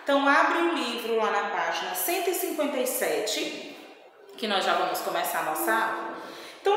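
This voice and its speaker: A woman's voice: high-pitched, a bit bright. A woman teaching a primary school lesson to children, speaking patiently and affectionately and often checking in with the class. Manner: slow, patient, affectionate with frequent "tá?" check-ins. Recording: echoey room with long reverb.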